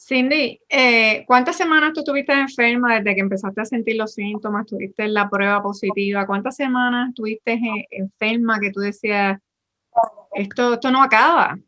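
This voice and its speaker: A woman interviewing, asking gentle, halting questions and giving short affirmations. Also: a little high, lo-fi sound.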